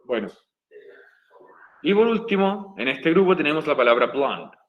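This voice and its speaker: A man's voice: fairly high pitch, sing-song, moderate pace, phone-quality sound. A male English teacher, patiently explaining grammar step by step in a recorded online class. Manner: patient, repeats and spells out each step.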